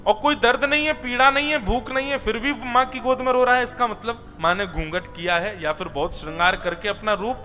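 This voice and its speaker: High, bright-voiced man preaching a devotional sermon. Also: brisk, hardly any pauses, in a large hall, faint music behind. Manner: expressive, rising and falling for emphasis, addresses listeners as brothers. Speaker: kathavachak preacher. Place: stage at a religious discourse.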